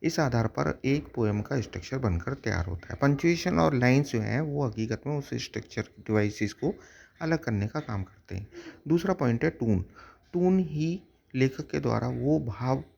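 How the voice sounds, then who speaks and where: A man's voice: mid-range voice, lively intonation, moderate pace, creaky, a little mellow. A man teaching a lecture on poetic devices, methodically listing terms one by one.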